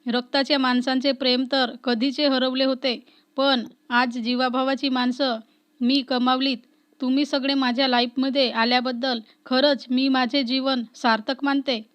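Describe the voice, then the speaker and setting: A woman voicing a caring, emotional young woman who teases gently. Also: high-pitched, little pitch movement, normal speed. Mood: tender.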